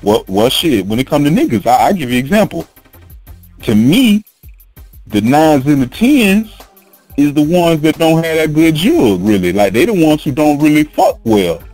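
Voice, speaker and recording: A man hosting a loose, profane podcast conversation, his voice sitting a bit high for a man and swinging widely in pitch as he rambles. He pushes his points hard and laughs along with them. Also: big pitch swings, moderate pace, a little mellow, soft background music. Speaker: podcast host. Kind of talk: casual podcast chat.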